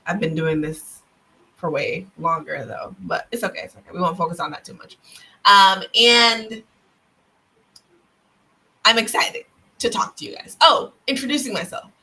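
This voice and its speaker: Bright chatty woman livestream host. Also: fairly low pitch, moderate pace, long pauses, poor audio. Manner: chatty, self-deprecating, lots of fillers. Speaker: host and guild president. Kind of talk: casual livestream chat. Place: home office with open windows.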